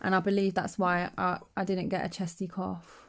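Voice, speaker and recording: Nasal, monotone London woman. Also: fairly low pitch, normal speed. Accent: London English. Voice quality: nasal, as if holding the nose. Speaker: podcast guest. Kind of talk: casual chat, with swearing.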